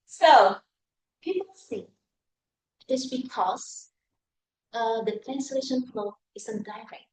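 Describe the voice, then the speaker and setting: A middle-aged Indonesian woman gives a prepared, humorous speech at a speaking club, telling self-deprecating stories about herself. Her voice is a little high and darkish, and she speaks slowly with frequent pauses. She's picked up from a distance in an echoey meeting room.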